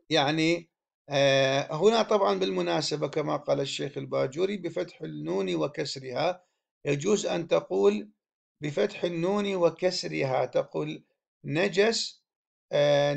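A man's voice: on the high side, gravelly. A man teaching a religious law text, explaining step by step and posing questions to his students before answering them himself.

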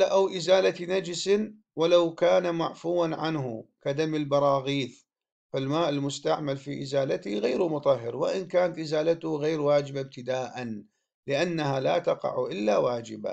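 A man's voice: a little high, creaky, darkish tone, highs cut off. A man teaching a religious law text, explaining step by step and posing questions to his students before answering them himself.

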